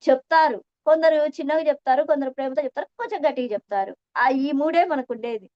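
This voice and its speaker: Woman giving a heartfelt spiritual talk, high voice, muffled dry lo-fi sound. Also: a little mellow, no echo. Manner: earnest, reflective, repeats phrases for emphasis. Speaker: meditation testimony speaker. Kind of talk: spiritual talk addressing listeners. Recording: dull dry lo-fi recording.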